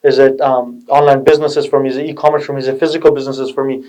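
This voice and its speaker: A man's voice: mid-range voice, level tone, racing, dark tone, highs cut off. A man hosting a video channel, giving a casual motivational explainer in a slangy, pushy tech-bro manner. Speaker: video channel host giving investment advice.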